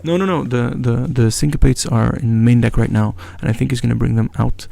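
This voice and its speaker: A man's voice: mid-range voice, fairly even intonation, brisk, creaky, dark tone, no echo. A man commentating a live card game match, analytical, chatty and given to jokes. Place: event venue.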